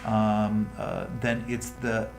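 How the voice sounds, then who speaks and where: A man with a gravelly, fairly low voice that barely moves in pitch hosts a crypto news livestream, speaking slowly. In a casual, rambling manner he reads headlines aloud and then riffs on them. The echoey room has music playing in the background.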